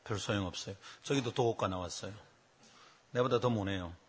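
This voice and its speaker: A man's voice: lowish voice, a little fast, slightly rough. A man, preaching a sermon as a pastor and telling stories with acted quotes. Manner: animated storytelling with acted quotes.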